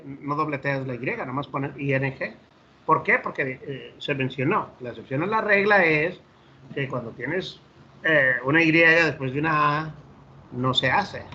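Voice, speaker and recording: A man's voice: on the high side, sharp tone. A man with a Mexican Spanish accent teaching an online English lesson, explaining grammar with many fillers and repeated words, switching between English and Spanish. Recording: slightly dull audio with faint noise.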